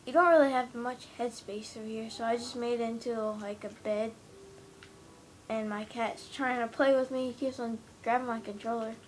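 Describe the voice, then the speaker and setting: A woman's voice: on the high side, fairly even intonation, moderate pace, slight background noise. Rambling woman touring a game build. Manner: rambling, hesitant, many fillers. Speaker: gamer giving a tour of a game build. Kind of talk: casual gameplay walkthrough. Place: home room, in front of a TV. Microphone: handheld camera filming the TV screen.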